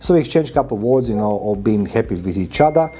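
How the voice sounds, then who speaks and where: A Croatian vlogger and podcast host in his fifties tells travel stories emphatically in non-native, Croatian-accented English, speaking to camera from a furnished, hotel-like room. His lowish voice is dark in tone, animated and quick, over a little hiss or hum.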